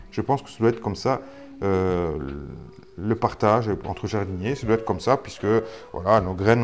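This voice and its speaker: Hesitant man, lowish voice. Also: a little mellow. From Belgium. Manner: hesitant, many fillers and restarts, self-mocking. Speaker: gardening YouTuber. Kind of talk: casual vlog talk to camera.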